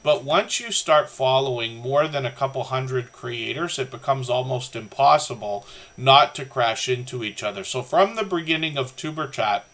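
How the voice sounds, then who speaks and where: A Canadian man from southern Ontario hosts a casual livestream for a creator community channel, rambling along in a friendly way as he talks to his chat. His mid-range voice is slightly scratchy and fairly bright, at a moderate pace.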